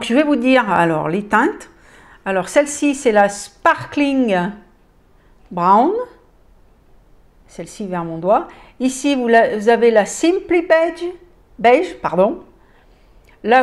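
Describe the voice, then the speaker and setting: Slow-talking woman chatting over makeup. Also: a little high. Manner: hesitant, many fillers and restarts, enthusiastic about colors. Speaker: beauty vlogger. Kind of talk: casual product haul chat.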